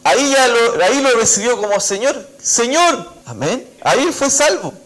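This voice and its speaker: Chilean pastor preaching at a church service, male, high tenor voice, reads scripture aloud, acts out the dialogue, keeps saying amén. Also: big pitch swings, moderate pace, fairly bright tone, poor audio. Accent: Chilean Spanish. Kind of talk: sermon.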